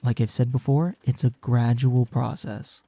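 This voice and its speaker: In an intimate audio roleplay, a man voices a gentle young best friend, speaking earnestly and frankly to reassure the listener. His mid-range voice is mellow and warm with a creaky edge, steady in tone and a little slow, recorded very dry and close for a soothing mood.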